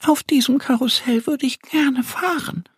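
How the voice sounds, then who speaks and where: A man voicing an eager, dreamy little girl duck in a children's story, high and childlike. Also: measured pace, slightly rough, no room sound, studio quality, full character voice.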